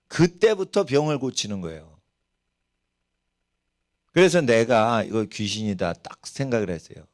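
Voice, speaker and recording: A middle-aged man, a pastor, preaching a sermon in church, telling stories and putting questions to the congregation. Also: mid-range voice. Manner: animated storytelling preacher, rhetorical questions to the congregation. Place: church sanctuary.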